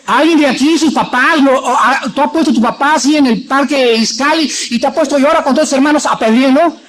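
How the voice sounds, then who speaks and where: A man preaching a sermon in a church, dramatic, acting out quoted voices and moving between loud and soft. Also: very high-pitched, fast talker, a little hiss or hum, rough recording.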